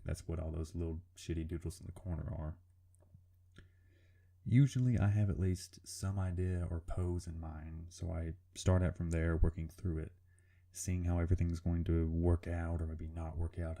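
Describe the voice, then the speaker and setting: A man with a rumbly, serial-killer-like voice, giving informal, hesitant, self-deprecating commentary over a drawing video, with casual swearing. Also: little pitch movement, moderate pace, vocal fry, warm tone. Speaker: artist narrating a drawing video.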